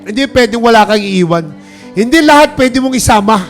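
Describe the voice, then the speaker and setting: High-voiced man preaching, call-and-response. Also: lively intonation, fairly quick, soft background music. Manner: mixes English phrases into his talk. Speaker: pastor. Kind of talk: sermon.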